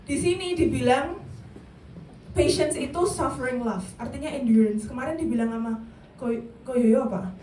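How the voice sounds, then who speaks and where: Preaching to young people in a church meeting room, a woman with a high-sitting voice keeps a moderate pace, lively and questioning her audience head-on while mixing in English. The recording is echoey and distant, with a faint hiss.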